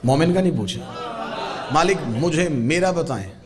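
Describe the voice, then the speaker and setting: A man preaching a sermon to a gathered congregation, telling a story and swinging from soft, low narration to loud, fervent exclaiming. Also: lively intonation. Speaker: Shia cleric preaching a majlis. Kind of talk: Urdu majlis sermon with storytelling. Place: gathering hall with a live congregation. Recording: crowd audible behind the preacher.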